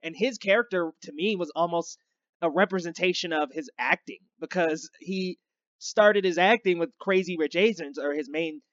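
A man hosting a casual movie review chat, with a relaxed, laid-back delivery. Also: on the high side, moderate pace, no echo, dull audio. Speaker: film review show host.

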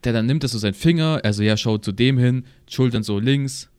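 A young man at his home computer rambles through a story in loose slang, jumping between his own lines and the other person's. His voice sits at a middle pitch and sounds dry and close. It feels like an offhand chat between friends. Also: fairly quick, a little mellow, clear, resonant tone, no room sound. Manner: slangy, rambling anecdote with acted-out quotes. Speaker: podcast co-host.

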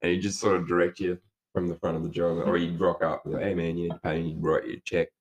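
A young Australian man with a notably deep, low voice rambles through casual stories as a podcast co-host. He swears freely and drifts from one tangent to the next. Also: flat delivery, fast talker. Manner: loose, rambling storyteller who swears and puts on voices for quotes. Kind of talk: casual chat.

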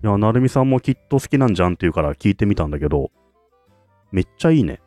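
Deep, lively-voiced man chatting fast. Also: no room sound, soft background music. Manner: enthusiastic, chatty, laughs often. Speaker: podcast co-host. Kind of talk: casual podcast chat.

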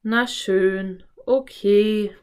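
A woman's voice: medium pitch, animated, moderate pace, natural voice. A woman voicing a cautious, bookish young boy in a storybook reading. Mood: earnest. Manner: earnest, worried exclamations.

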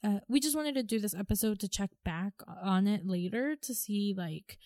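Mellow-voiced young woman podcast host. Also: medium pitch, lively intonation, moderate pace, no room sound, studio quality. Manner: rambling, many fillers and restarts. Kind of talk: casual fan podcast chat.

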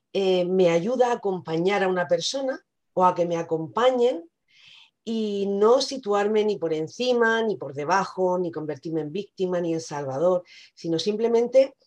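Mellow, low-voiced woman sharing reflections. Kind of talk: casual group discussion.

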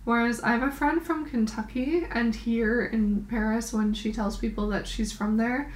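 A young woman co-hosting a podcast, with a slightly high voice. She chats casually and fills her talk with "like", and her voice rings around an echoey room. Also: steady tone, moderate pace, slight background noise. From New York. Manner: chatty, talks with filler likes. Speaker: podcast co-host. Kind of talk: casual chat.

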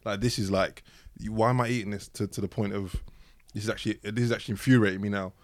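Young guy, rapid banter, dry close sound, jokey storyteller. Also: on the low side, no room sound. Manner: animated storytelling with mock voices and slang. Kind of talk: casual banter among friends.

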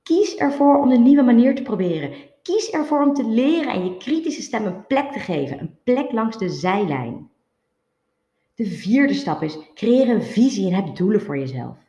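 A woman talks through a motivational monologue in an earnest coaching tone, her pitch rising and falling in lively swings. She slips English buzzwords into her sentences. The sound is roomy and a bit dull. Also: moderate pace. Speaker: self-development speaker. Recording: roomy, slightly dull recording.

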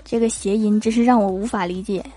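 A young woman telling comic stories about awkward chats in an amused, animated way. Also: medium pitch, fast. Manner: animated, amused read-out of chat jokes. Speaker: storyteller. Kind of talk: comic storytelling.

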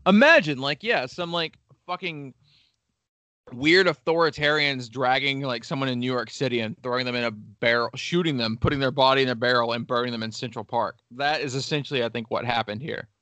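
A man's voice: mid-range voice, fairly quick, bright, forceful tone, no room sound. A man hosting a casual history podcast, telling the story with crude jokes and lots of swearing. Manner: crude, joking, swears often. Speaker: podcast host.

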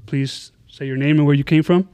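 Smooth-voiced man hosting a casual chat. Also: on the high side, brisk. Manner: relaxed, filler-heavy questions. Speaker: podcast host.

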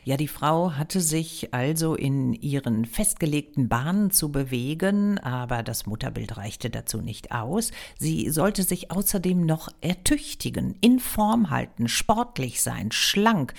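A woman's voice: low voice, animated, a little slow, vocal fry, few pauses, darkish tone. A woman explaining history as a podcast host, with wry, ironic emphasis.

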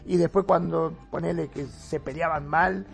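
This co-host speaks with a gravelly, creaky edge, telling stories in a lively, chatty way and checking in with the listener. The pitch sits in the middle range. Faint music runs underneath. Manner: animated storyteller, quick asides, seeks agreement. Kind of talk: casual chat.

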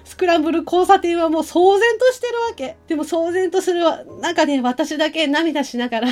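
A woman co-hosting a podcast in casual chat, telling stories in a gushing, excitable way. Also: very high voice, a little fast. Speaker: podcast co-host.

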